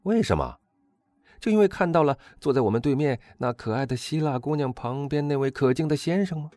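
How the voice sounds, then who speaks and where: A man reading a storybook, voicing a vain, excitable young dandy who chatters loudly and boastfully. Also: a little fast, dry recording, clean studio sound, lightly acted. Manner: loud exuberant high-pitched chatter.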